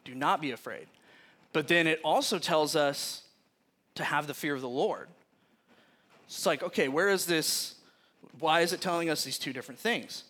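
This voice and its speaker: A man giving a casual sermon, telling a personal story in an animated, chatty way and often laughing mid-sentence. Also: fairly high pitch, moderate pace, long pauses. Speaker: preacher.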